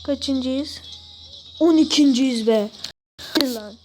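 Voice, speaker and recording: A very high voice commentates a football video game in a casual, excitable way. The phrases come slowly, broken by loud exclamations at goals and misses. There is faint noise in the home recording. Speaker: gamer commentating own football career-mode play.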